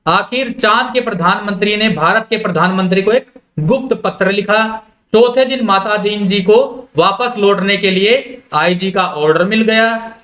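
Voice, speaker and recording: A man with a fairly high voice gives an exam-prep literature lecture. He reads a story aloud, stops to explain it, and repeats what his students must note. The recording has a roomy echo. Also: sharp tone. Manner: repeats key lines and tells students to note them; slows down when reading quoted lines. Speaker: Hindi literature teacher.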